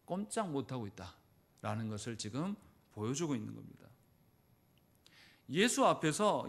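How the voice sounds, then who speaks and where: A man pastor preaching a sermon in a church, acting out quoted lines with sudden loud bursts. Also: mid-range voice, gravelly. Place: church sanctuary.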